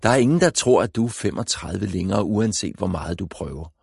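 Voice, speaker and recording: A man's voice: fairly low pitch, animated, gravelly, darkish tone, breathy edge, no echo, clean studio sound, heavily acted. A man doing a sulky teenage boy.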